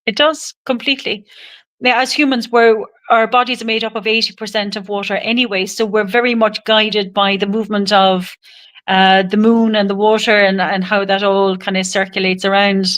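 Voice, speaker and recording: A woman's voice: mid-range voice, level tone, normal speed, fairly bright tone. A woman with a Cork Irish accent chatting casually as a guest in an interview. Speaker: podcast guest on men's health.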